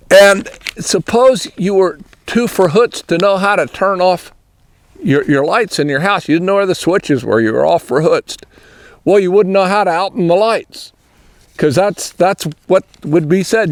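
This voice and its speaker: An older man chats through a horse-training lesson in a folksy, rambling way, as though telling a story. His voice sits a little high for a man. The sound is dry, with no room echo.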